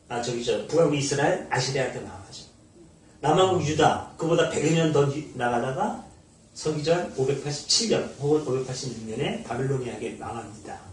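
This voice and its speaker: Animated man lecturing in an echoey room. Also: on the high side, a little hiss or hum. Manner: animated, blunt and sometimes mocking. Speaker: Bible study lecturer. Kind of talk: informal lecture. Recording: echoey room, mic far off.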